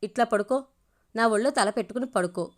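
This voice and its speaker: A woman's voice: a little high, fairly quick, natural voice. A woman voicing a playful young woman who teases the man she loves, read in a plain storytelling voice. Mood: teasing. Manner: teasing, affectionate.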